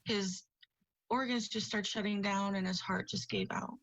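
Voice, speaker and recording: A woman's voice: mid-range voice, steady tone, normal speed, a bit bright, lo-fi sound. A woman recounting personal experience in a news interview.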